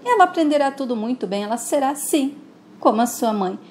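Earnest older dad, lively high voice, woman doing it. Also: fairly quick, slight background noise.

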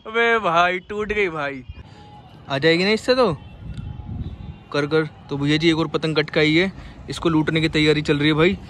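Young male vlogger, high bright voice, unhurried, excitable, laughing, phone mic outdoors. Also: a little hiss or hum. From India. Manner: excitable, laughing, urging a friend on. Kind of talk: casual vlog commentary. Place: rooftop outdoors in a city. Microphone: phone camera held by the speaker.

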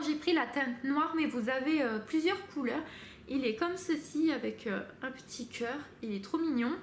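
A woman vlogger chats through a casual makeup review in a high, leisurely voice, full of hesitations and restarts. She sounds like she is recording in an echoey room at home. A faint hum of ambience sits behind her. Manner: hesitant, many fillers and restarts. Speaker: beauty vlogger.

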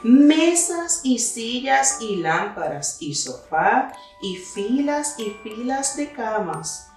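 A young woman, a teacher, reads a picture book aloud for children in a high voice, taking it slowly and expressively with deliberate storytelling. She sits at a distance from the mic in a very echoey indoor room with a wooden cabinet and plants, and faint music plays.

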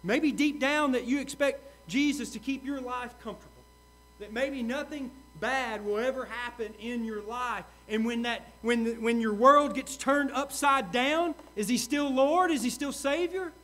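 A male pastor preaching a sermon, earnest, repeating key questions and swinging from loud to hushed. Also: extremely high pitch, moderate pace.

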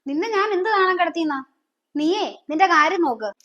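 A woman's voice: extremely high pitch, brisk, pushed and bright. An actress playing a scheming widowed mother who talks curtly and dismissively. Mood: defensive. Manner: curt, dismissive, scolding. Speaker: actor. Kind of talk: family drama acting. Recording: dull lo-fi sound.

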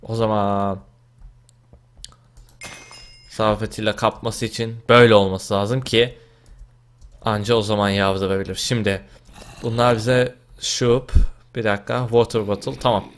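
A man with a Turkish accent giving casual gameplay commentary, joking and boasting, breaking into loud yells at his teammates. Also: on the low side, normal speed. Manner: excitable, yells and shouts at teammates in bursts. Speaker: gaming YouTuber.

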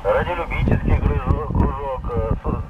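A cosmonaut heard over a radio link, answering questions in an unhurried way with frequent hesitation fillers. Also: male voice, on the high side. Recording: muffled, distant, very noisy radio transmission.

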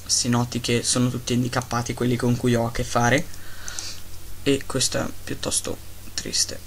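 A man giving casual, excitable gameplay commentary, talking to his pets and grumbling at lag. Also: medium pitch, normal speed, vocal fry, slight background noise. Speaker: Minecraft let's-player.

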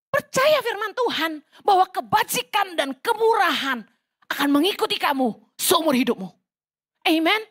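High-voiced woman pastor preaching. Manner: lively, mocks petty prayers in put-on voices. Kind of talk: sermon. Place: church service, livestreamed.

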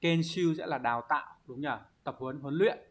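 A man with a fairly high voice at normal speed teaches a Japanese exam review lesson. Patient and explanatory, he walks through each answer and frequently checks in by asking his students to confirm.

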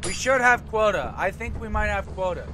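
A man with a very high, bouncy voice yells warnings and swears loudly through a co-op game. His pitch leaps around as he reacts, over a noisy, hissing mic. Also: animated, fairly quick. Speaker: gamer. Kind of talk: casual co-op game chat.

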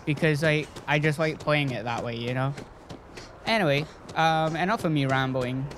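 Gamer dude rambling thru a playthrough, kinda higher voice, faint hiss behind. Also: male voice, normal speed, a bit bright. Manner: rambling, chatty, jokey, talks to his viewers. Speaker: gaming YouTuber. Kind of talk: casual let's-play commentary.

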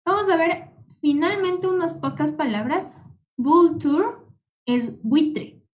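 Slow, high-voiced woman teaching the alphabet. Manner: patient, drawn-out letter-by-letter drilling; uses affectionate diminutives. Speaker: English teacher. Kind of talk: slow, repeated children's-style alphabet lesson.

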